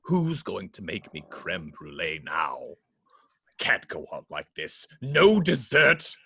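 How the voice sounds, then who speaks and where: A man acting a melodramatic, sulking, unhinged pirate captain in a script table read, theatrically swinging between whispers and shouts. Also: low voice, huge pitch swings, takes it slowly, creaky, slightly rough, no echo, studio quality, exaggerated voice. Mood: despairing, sulky.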